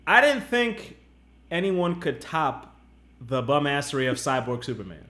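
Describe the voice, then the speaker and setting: A man co-hosting a casual podcast, playful and quick to laugh, using slang. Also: on the high side, sing-song, bright, forceful tone. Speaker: podcast co-host. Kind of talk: casual chat.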